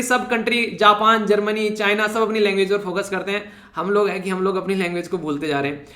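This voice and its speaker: A man gives a current-affairs lesson for exam students in a quick, chatty style and keeps checking in with his listeners. His voice sits high and sounds bright and forceful. The room adds a noticeable echo. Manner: chatty, joking asides, frequent "ठीक है". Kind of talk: exam-prep lecture in Hindi.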